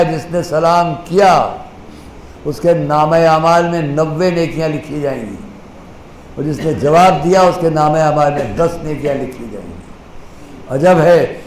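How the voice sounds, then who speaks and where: Impassioned preacher in an echoey hall. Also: male voice, a little high, slight background noise. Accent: Indian Urdu. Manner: impassioned, stretches Quranic phrases slowly, drops to a soft voice to act out exchanges. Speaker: maulana preaching at a majlis. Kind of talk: Urdu religious sermon. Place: mourning hall. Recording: echoey hall, faint ambience.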